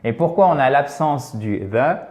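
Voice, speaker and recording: A man's voice: medium pitch, expressive, unhurried, darkish tone. Patient man teaching English in French. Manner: explanatory, patient, checks in with "d'accord". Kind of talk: French-language English lesson.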